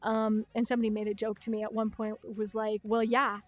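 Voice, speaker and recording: This young livestream host, raised in Minnesota and South Dakota, has a Chicago-style Midwestern accent and a fairly high voice with a flat delivery. She talks fast and curses a lot in casual late-night chat from her hot bedroom.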